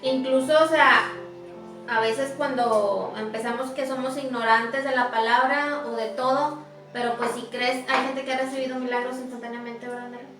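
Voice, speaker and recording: A woman's voice: high voice, fairly even intonation, normal speed, fairly bright tone. Woman chiming in, echoey and distant. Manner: agreeing, conversational, chiming in. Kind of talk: faith conversation. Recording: echoey room, distant mic, music.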